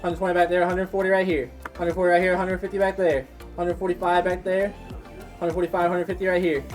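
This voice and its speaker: A man's voice: high-pitched, level tone, moderate pace, faint music behind. A man working as an auctioneer, calling out bids and repeating prices in a chant. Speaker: auctioneer and host. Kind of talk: live auction calling of game lots.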